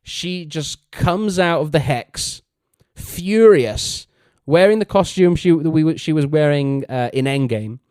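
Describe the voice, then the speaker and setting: A man co-hosting a casual review podcast, animated and laughing as he acts out quotes. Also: a little high, takes it slowly, smooth, dry recording, studio quality. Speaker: podcast host.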